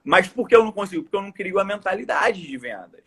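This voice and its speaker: Brazilian male coach, high husky voice, earnest emphatic podcast chat. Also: sing-song, fast talker, fairly bright tone. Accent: Brazilian Portuguese. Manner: earnest, emphatic, repeats phrases for stress. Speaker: coach and course speaker. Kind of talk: casual podcast conversation.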